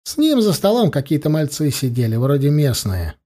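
A man's voice: on the high side, big pitch swings, normal speed, warm tone. A man doing a sly, fawning henchman. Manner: smirking, obsequious. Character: sly servile henchman, mocking.

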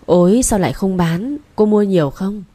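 A woman's voice: medium pitch, normal speed, warm tone, natural voice. A woman reading aloud voices an eager older female rice seller who boasts about her goods.

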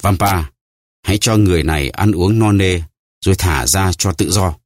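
A man's voice: sits low, normal speed, no room sound, studio quality, close to an everyday voice. Man voicing Edmond Dantes, a solemn avenger. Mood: grave. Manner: solemn, grave. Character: stern vengeful nobleman, solemn and commanding.

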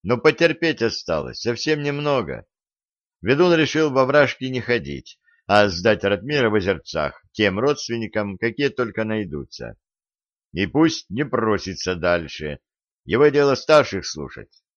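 A man narrating an audiobook in an expressive storytelling manner. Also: on the low side, measured pace, no room sound. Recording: dull lo-fi recording.

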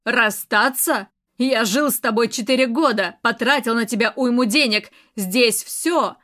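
A brutal, domineering police colonel in an audiobook, voiced by a woman narrator. He speaks slowly and loudly, with cold, mocking menace, in a fairly high, light voice. Every line is a threat. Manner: loud, slow, threatening and mocking. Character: domineering menacing man, militia colonel, murderer.

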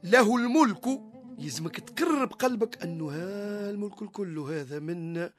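A man's voice: sits high, a bit bright. A man with a Tunisian accent giving a radio religious lesson, explaining points step by step and asking and answering his own questions. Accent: Tunisian Arabic. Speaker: religious teacher.

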